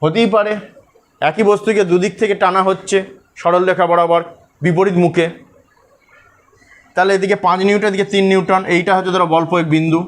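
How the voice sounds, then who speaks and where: A man with a high voice gives a school physics lesson. He goes through each step with care and keeps checking that his pupils follow. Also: steady tone, brisk, pauses often. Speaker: teacher.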